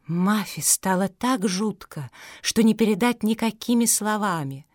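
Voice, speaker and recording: A woman narrating a children's audiobook in a clear, expressive way. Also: mid-range voice, measured pace, no echo, studio quality.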